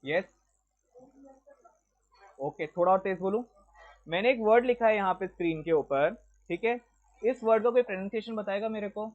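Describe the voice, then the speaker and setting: A man's voice: high-pitched, normal speed, pauses often. A man teaching a class, quizzing students and switching between Hindi and English. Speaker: lecturer. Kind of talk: classroom lecture. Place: classroom with a board. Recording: dull lo-fi classroom recording.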